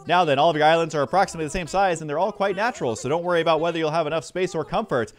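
A man's voice: fairly high pitch, very fast, faint music behind, lightly acted. A man voicing a cheerful male travel clerk, reading the game's dialogue aloud.

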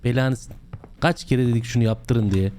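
A young man with a slightly hoarse voice from a sore throat, chatting his way through a horror game as host, joking and breaking into loud exclamations. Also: medium pitch, fairly even intonation, moderate pace, slight background noise. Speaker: gaming channel host. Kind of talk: let's play commentary.

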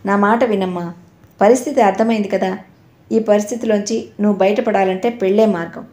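A woman's voice: medium pitch, steady tone, fairly quick, a little mellow, natural voice. A woman voicing a middle-aged mother who talks in a coaxing, pressing way. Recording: roomy echo.

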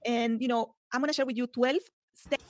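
Fast-talking woman from Peru, presenting. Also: a little high, fairly even intonation, a little mellow, no echo. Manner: fast, eager, with many fillers. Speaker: real estate investor presenter. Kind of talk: webinar presentation. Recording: sped-up recorded webinar.

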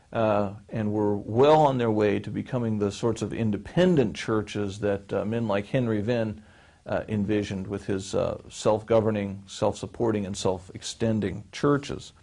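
A man in his forties explains history in a measured, lecture-like interview answer, with frequent fillers and restarts, seated in a small studio with a close mic. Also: fairly low pitch, darkish tone. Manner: gestures with his hands while speaking. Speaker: seminary professor answering questions. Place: small studio set with a wood-panel backdrop, seated.

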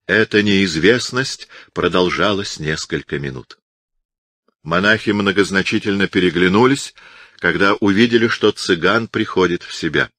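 Male audiobook narrator, very low voice, dry close sound, measured dramatic delivery. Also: a bit bright, no room sound. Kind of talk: scripted narration.

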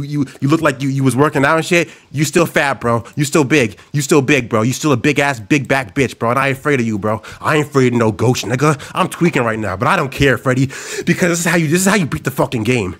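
A man's voice: medium pitch, a bit bright. A young man doing let's play commentary, hyped and profane, trash-talking the game's villain and repeating taunts over and over. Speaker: gaming YouTuber.

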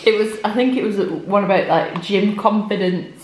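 A young woman chats casually, speaking softly and letting her sentences trail off. Her voice sits at a mid pitch. It is picked up by a camera on a table in a bright, echoey kitchen. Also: normal speed, a little hiss or hum. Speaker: vlogger. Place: bright open kitchen, indoors. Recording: echoey room.

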